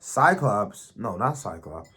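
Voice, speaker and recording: A man casually recapping TV episodes in profane, slangy, animated storytelling. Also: fairly low pitch, slow, breathy edge. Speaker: show recapper.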